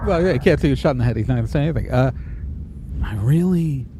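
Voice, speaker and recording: A man's voice: medium pitch, expressive, rapid-fire, gravelly, background noise. A man running a tabletop game as game master, improvising narration in a conversational way.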